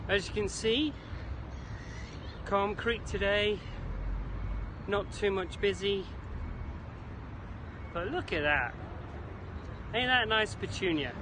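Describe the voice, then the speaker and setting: A vlog host from the Isle of Man strolls briskly outdoors beside a city creek, slightly out of breath as he rambles with jokes and quaint British slang. His high voice goes slowly with frequent pauses, amid noisy traffic ambience.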